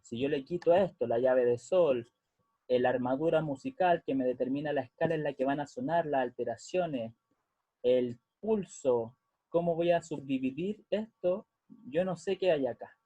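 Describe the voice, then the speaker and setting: Warm husky man teaching. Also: medium pitch, normal speed, no room sound. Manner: patient, checks understanding with frequent "¿ya?". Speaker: music teacher. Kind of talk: explanatory lesson.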